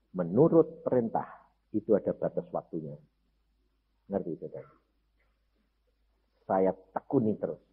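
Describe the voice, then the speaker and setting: An older man preaching a sermon through personal testimony, acting out dialogue and swinging between loud high outbursts and low quiet lines. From Central Java, Indonesia. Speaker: evangelist preacher. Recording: dull lo-fi sermon recording with faint noise.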